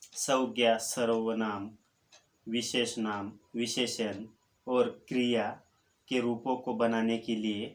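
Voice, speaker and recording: Slow, deliberate male Hindi lecturer. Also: mid-range voice. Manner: slow, deliberate, lists terms one by one with pauses; fills pauses with drawn-out "a". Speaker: college lecturer. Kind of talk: online Hindi grammar lecture.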